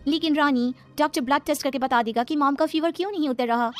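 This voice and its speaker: A woman's voice: high voice, quick pace, darkish tone, faint music behind, lightly acted. A woman voicing a breezy, fashionable young daughter-in-law who mixes in English words. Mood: caring. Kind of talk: animated storybook voice acting.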